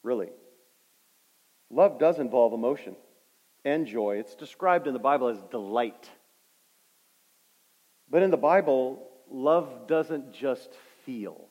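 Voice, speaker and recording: A middle-aged male pastor preaching a sermon, swinging from loud emphatic points to hushed, quiet stories. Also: mid-range voice, expressive, takes it slowly, pauses often, slightly rough. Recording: dull lo-fi sound with hall reverb.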